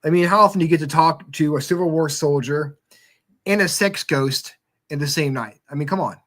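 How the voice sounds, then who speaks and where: A man being interviewed about a haunted property, rambling and restarting, growing animated, his voice a bit worn from talking. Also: a little high, brisk. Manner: rambling, restarts, animated when telling stories. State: hoarse from talking. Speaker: guest, paranormal radio show host. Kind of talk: casual interview chat.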